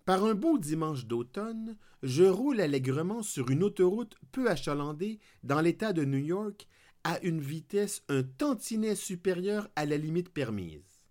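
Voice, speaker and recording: A man's voice: a little high, big pitch swings, measured pace, a little mellow. A man reading his own humorous anecdote in wry, ornate prose. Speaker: columnist narrating a personal anecdote. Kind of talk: scripted humorous narration.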